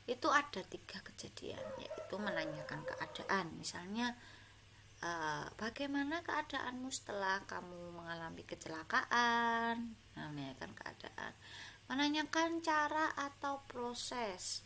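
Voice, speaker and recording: Woman, Indonesian accent, primary school teacher, slow and patient, bright voice, faint background hum. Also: fairly high pitch. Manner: patient, talks to pupils with many examples and fillers. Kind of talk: slow classroom explanation.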